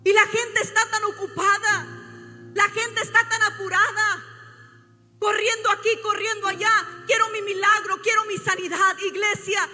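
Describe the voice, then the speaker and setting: A woman pastor delivering an impassioned sermon in a church, often rising to shouts. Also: very high voice, flat delivery, moderate pace, big-room sound. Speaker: prophet and pastor. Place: church sanctuary.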